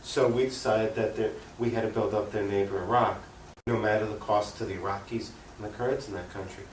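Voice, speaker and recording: Fairly quick and lowish in voice, with fairly even intonation, an activist guest makes his political case off the cuff on a cable access interview. He's emphatic and opinionated, often asking rhetorical questions. The mic sits far off in an echoey room, picking up faint noise.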